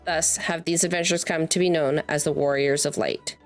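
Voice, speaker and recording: Woman playing fantasy game guildmaster: motherly, measured, formal, low register, faint music underneath. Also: fairly even intonation, natural voice. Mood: grave, solemn. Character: motherly guildmaster welcoming adventurers, grave and formal. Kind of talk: reading fantasy game dialogue aloud.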